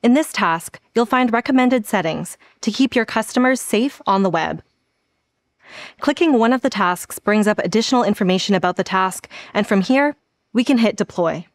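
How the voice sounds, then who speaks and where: A woman's voice: mid-range voice, moderate pace, dry recording. Polished woman presenter in a dry studio. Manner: polished, even teleprompter delivery. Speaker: product presenter. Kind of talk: scripted tutorial presentation. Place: indoor studio set.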